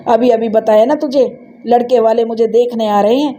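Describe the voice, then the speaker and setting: A woman's voice: on the high side, steady tone, normal speed, dark tone, slight background noise, natural voice. A woman voicing a playful, headstrong teenage village girl who talks in a coaxing, cheeky way. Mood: eager.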